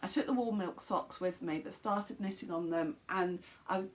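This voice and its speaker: A woman with a slightly croaky throat and fairly low pitch chats casually to camera at home at a normal speed. She hosts a knitting podcast and rambles, with many ums and restarts.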